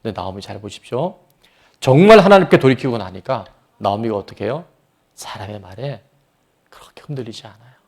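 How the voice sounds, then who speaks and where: A man's voice: medium pitch, lively intonation, fairly quick, a little mellow. A man pastor preaching a sermon, asking the congregation questions and acting out voices from the story. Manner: asks the congregation questions and acts out quoted voices.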